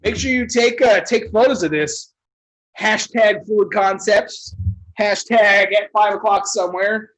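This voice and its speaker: A man's voice: high voice, unhurried, fairly bright tone. A man teaching a casual livestream cocktail class as a bartender, loose and joking, swearing casually as he talks through each step.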